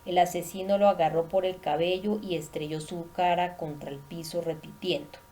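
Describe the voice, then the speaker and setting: Low, mellow woman reading a thriller. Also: fairly even intonation, normal speed, slight background noise. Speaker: narrator. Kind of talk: dramatic audiobook reading.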